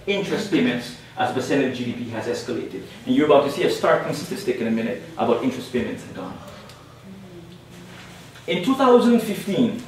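Speaking a little high, a young Guyanese panel speaker gives an academic presentation, stressing and repeating his main points and frequently asking "all right?" He's in a lecture room at a panel event, captured from a distance in very echoey audio with faint noise.

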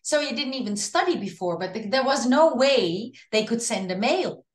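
A singer in her fifties with a Dutch accent is interviewed over a casual video call from a room at home, using an earphone headset mic. Her voice is a little high, her pace moderate, and the sound roomy. She's animated, gesturing with her hands and often restarting her sentences.

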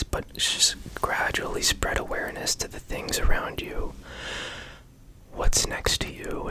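Whispering softly and breathily right up against a close studio mic, a man guides an ASMR meditation with calm, gentle instruction. The audio quality is poor.

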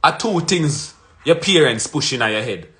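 Medium-pitched and bright with a forceful tone and lively intonation, a Jamaican man in his thirties speaks a little slowly into his phone camera, held at arm's length in a small room at home. This vlogger's monologue is emphatic and confrontational, full of punched-out lists and repeated phrases.

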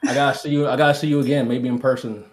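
A man's voice: mid-range voice, steady tone, very fast, crowd noise. A man in his twenties from Jamaica, laid-back and slangy, chatting and flirting on a video date over a headset. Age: 20s. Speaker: dating contestant. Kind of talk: casual flirty chat. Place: home room.

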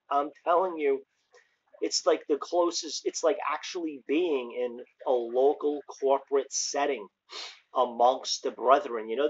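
A middle-aged American evangelist preaches informally from a covered house porch outdoors, exhorting emphatically in everyday language and reading scripture for an online sermon. His voice is mid-range. He's recorded on a phone or webcam held at arm's length, and the audio sounds dull.

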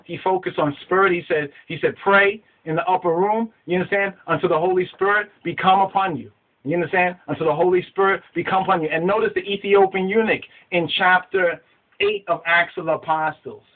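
A middle-aged man teaching scripture to a webcam in a small room, animated and gesturing, often repeating words as he searches for the next one. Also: sits high, a little fast. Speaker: religious teacher. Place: small indoor room with whiteboard. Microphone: webcam at desk. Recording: tinny phone-like webcam audio.

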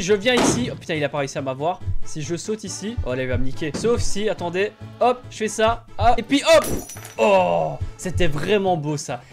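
A young man in his twenties hosts a gaming video in a high voice. His commentary is animated and slangy, full of exclamations and swearing. Music plays behind him. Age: 20s. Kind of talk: excited let's-play commentary. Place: small room at home.

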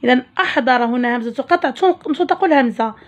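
A woman teaching a primary school Arabic lesson, explaining slowly step by step and asking questions. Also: high-pitched, a little mellow. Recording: dull lo-fi recording.

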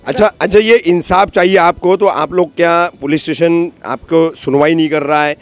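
Male reporter, slightly high voice, probing questions, street interview. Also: steady tone, normal speed.

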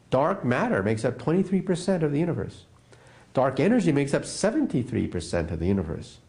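Speaking as an interview guest, this physicist from the United States tells science stories with animation and emphasis in a medium-pitched voice.

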